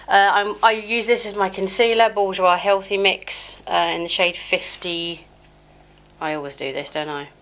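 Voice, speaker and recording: Chatting while she does her makeup at home, a middle-aged beauty vlogger with a cold sounds slightly chesty, her mid-range voice fairly even, fairly bright, and at a moderate pace. The get-ready-with-me talk rambles, scattered and self-mocking, packed with fillers. Her small clipped-on mic is sometimes covered.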